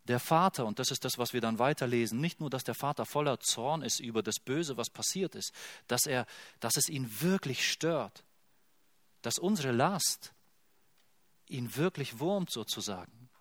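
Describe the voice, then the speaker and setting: A man preaching a sermon with emphasis, swinging between loud urgent bursts and hushed, repeated phrases. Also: mid-range voice, expressive, moderate pace, no room sound.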